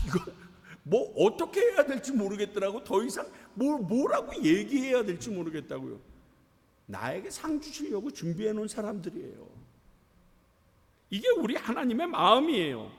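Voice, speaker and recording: A man preaching a sermon as pastor, telling lively stories and acting out the voices of people in them. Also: high voice, moderate pace. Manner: animated storytelling, acting out voices in dialogue. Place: church sanctuary. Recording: long church reverb.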